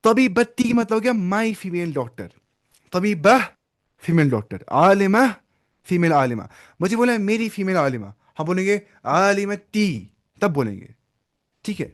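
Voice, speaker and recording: A man with a fairly high voice leads an online language class. He explains each point step by step and slips English words into his teaching. He often stops to quiz his students by name. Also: big pitch swings. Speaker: Arabic teacher.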